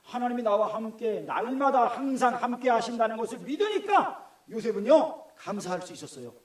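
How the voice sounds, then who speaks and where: A middle-aged pastor with a Gyeongsang Korean accent preaches conversationally in a church hall, putting questions to the congregation. His voice is extremely high, brisk, and swings widely in pitch, and the room is echoey.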